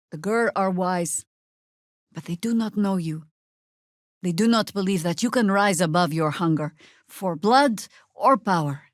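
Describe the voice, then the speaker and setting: A woman voices a seasoned older druid warrior in a video game, wry and commanding, using dry, formal, archaic phrasing with a measured, weathered delivery. Her voice is mid-range and fairly bright, on a dry recording.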